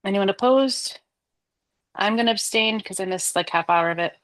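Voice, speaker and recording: A woman runs a committee meeting over a video call, sounding congested but casual and polite, with plenty of fillers. Her mid-range voice moves at normal speed, and there's no room sound.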